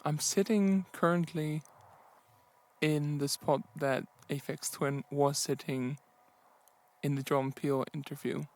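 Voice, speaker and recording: A tired man keeping a casual, halting audio diary outdoors, sheltering under an umbrella in the rain. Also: a little high, fairly even intonation. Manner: halting, rambling, reflective. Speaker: travel vlogger on a solo walking trip.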